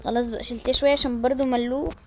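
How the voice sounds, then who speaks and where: A woman with an Egyptian accent and a high, light voice acts out a household role-play story. She hops from one family member's voice to the next with hardly a pause, and a faint hiss runs under her. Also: fairly even intonation. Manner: switching quickly between family character voices. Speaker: storyteller voicing all characters.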